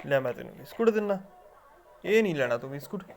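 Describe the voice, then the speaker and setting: A man's voice: on the high side, animated, brisk, a little mellow, faint music behind. A man talking casually to his pet parrot, coaxing and scolding it with short, repeated phrases. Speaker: pet owner.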